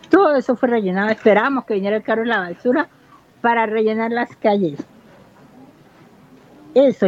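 A woman's voice: fairly high pitch, highs cut off. Earnest woman in her fifties. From Buenaventura, Colombia. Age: 50s. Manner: earnest, impassioned, reflective. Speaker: local resident. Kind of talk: interview testimony.

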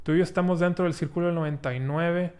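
A man voicing a wise royal advisor who explains calmly and patiently. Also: a little high, quick pace, close to an everyday voice.

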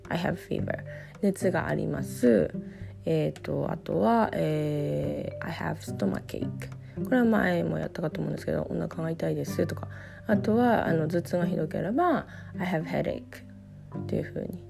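A Japanese woman giving a relaxed English lesson while getting over a cough, with a hoarse voice and lots of fillers. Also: low voice, moderate pace. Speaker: English teacher. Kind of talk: casual spoken lesson. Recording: guitar music playing behind.

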